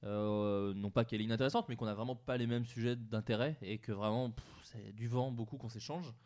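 A young man telling an animated anecdote in casual chat, acting out the quotes and laughing often. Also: medium pitch, a little fast.

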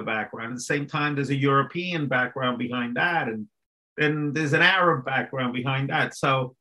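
A man co-hosting a podcast who explains his reasoning step by step. He often restarts his phrases mid-thought. His voice is bright. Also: mid-range voice. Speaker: podcast co-host. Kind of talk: casual discussion.

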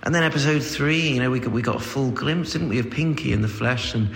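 A pompous fan rambles on and on, full of "you know", as a man plays him. His voice is gravelly, and it rings out in a roomy, echoing hall with a long tail. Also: medium pitch, quick pace, fairly bright tone. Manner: rambling, pompous, filler-heavy. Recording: echoey hall.

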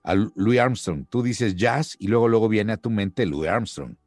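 Guy, middle-aged voice actor, low voice, dry close sound, faint music behind, spinning a story. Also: moderate pace, dry recording. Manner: lively storyteller who acts out quoted voices. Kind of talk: anecdotal storytelling in an interview.

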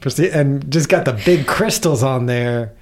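A man's voice: mid-range voice, moderate pace, darkish tone. A man co-hosting a podcast, chatting casually about food in a dry, sarcastic way. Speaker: podcast co-host. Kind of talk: casual food review chat.

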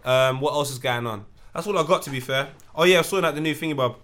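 Bright-voiced London roadman bloke. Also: mid-range voice, rapid-fire. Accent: London roadman, urban British slang. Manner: street slang, informal. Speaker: podcast host. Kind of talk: casual slangy podcast chat.

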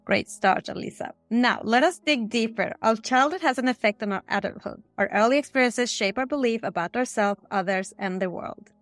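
A woman's voice: fairly high pitch, moderate pace, few pauses, fairly bright tone, dry recording, faint music behind. A woman hosting a podcast, formally reading out prepared questions. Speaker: podcast host.

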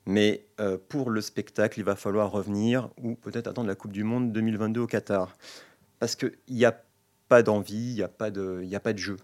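A man with a somewhat low voice speaks as a guest pundit on a casual sports podcast. He grumbles in a gloomy, theatrical way, often stammering and restarting his sentences. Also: steady tone, brisk, darkish tone.

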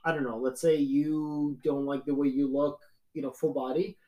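A man's voice: a little high, little pitch movement, a little slow, mellow, dull audio. A middle-aged man chatting as a podcast guest, rambling and correcting himself as he jokes. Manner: rambling, self-correcting, joking. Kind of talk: casual podcast chat.

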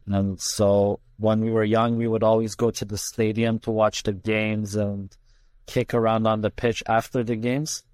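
A soccer player from Iran who was raised mostly in Canada, and who isn't a native English speaker, chats casually as an understated interview guest, recounting his own story. His voice is fairly low and darkish, smooth and level, at a measured pace, with no echo.

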